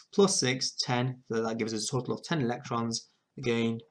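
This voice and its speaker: A male chemistry teacher talking methodically through exam questions, correcting himself as he goes. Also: medium pitch. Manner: methodical, self-correcting explanations.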